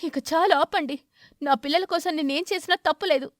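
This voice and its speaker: Woman doing earnest mother sparrow, higher voice, cartoon tale. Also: normal speed, a little mellow, no echo, studio quality, lightly acted. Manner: earnest and pleading. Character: poor mother sparrow, worried and devoted.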